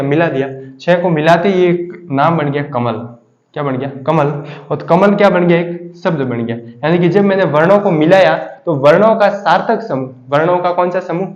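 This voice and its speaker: Man teaching class, quizzing and answering himself, slightly high voice, dull recording. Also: darkish tone. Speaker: Hindi grammar teacher. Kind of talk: classroom lesson. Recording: echoey room, dull lo-fi sound.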